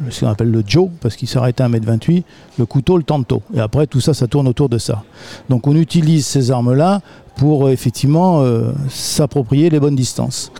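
Mellow-voiced aikido teacher explaining. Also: male voice, medium pitch, gravelly. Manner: patient, explanatory. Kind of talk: radio interview. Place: community hall.

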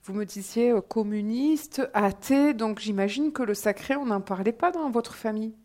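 A woman's voice: fairly high pitch, moderate pace, warm tone. A woman interviewing a guest, asking probing questions with a few hesitant fillers.

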